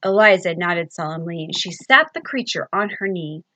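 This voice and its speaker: A woman librarian reading a picture book aloud to children, with expressive sing-song storytelling and questions to her young listeners. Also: fairly low pitch, normal speed, background noise.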